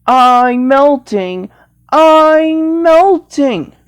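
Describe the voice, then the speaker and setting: A woman acts out a powerful, wicked storybook witch. Her high voice is theatrical and melodramatic, stretching words into slow wails. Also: lively intonation, heavily acted. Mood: wailing. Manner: theatrical, drawn-out wailing. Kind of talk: improvised character play.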